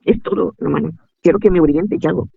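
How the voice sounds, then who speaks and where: Older woman telling a halting story. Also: fairly low pitch, gravelly, husky, no echo, phone-quality sound. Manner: halting, acting out both sides of past conversations. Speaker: caller asking for advice. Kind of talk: personal story on a call-in Q&A.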